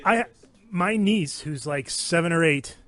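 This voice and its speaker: A man's voice: fairly high pitch, lively intonation, a little slow, a bit bright. A man co-hosting a casual gaming podcast, telling a joking story with lots of laughter. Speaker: podcast co-host. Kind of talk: casual banter.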